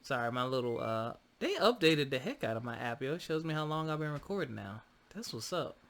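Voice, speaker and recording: A man's voice: medium pitch, very animated, brisk, a bit bright. A man hosting a podcast in casual chat, laid-back and slangy with a teasing streak. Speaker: podcast host.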